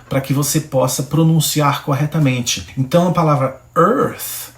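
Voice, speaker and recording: A man from Brazil teaching an English lesson built on Bible verses, speaking straight to the viewer in a lively, coaching way. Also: medium pitch, echoey room. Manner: animated, coaching, direct address to viewer.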